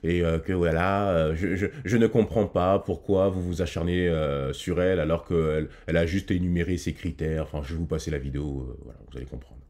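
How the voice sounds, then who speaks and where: A man's voice: deep voice, brisk, hardly any pauses, a little mellow. A man talking casually to his viewers as a reaction host, hesitant with many fillers and restarts. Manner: addresses viewers directly.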